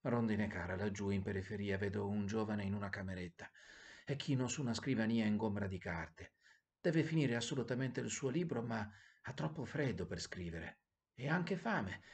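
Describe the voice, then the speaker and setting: A man voicing a gentle, grieving prince statue in a storybook, speaking soft and low. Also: animated, normal speed. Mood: pleading.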